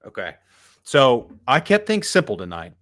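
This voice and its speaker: A man hosting a casual live podcast in a loose, rambling way. He fills his talk with ums and uhs and swears freely. His voice sits at an ordinary middle pitch. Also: huge pitch swings, moderate pace, a bit bright, no room sound, studio quality. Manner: loose, swearing, chatty, hesitant with fillers. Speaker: podcast host running a game segment.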